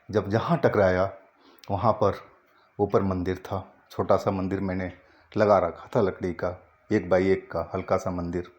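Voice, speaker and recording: A man telling a first-person ghost story in Hindi narration, slow and halting with frequent pauses and restarts. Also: low-pitched, darkish tone.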